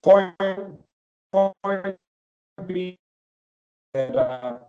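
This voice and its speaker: A man on a video call with a bad Wi-Fi connection, his words breaking up and dropping out as he haltingly restarts sentences. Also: high voice, smooth, dull audio. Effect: choppy bad connection with dropouts and frozen audio. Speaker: student asking a meditation teacher. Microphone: video call over weak Wi-Fi.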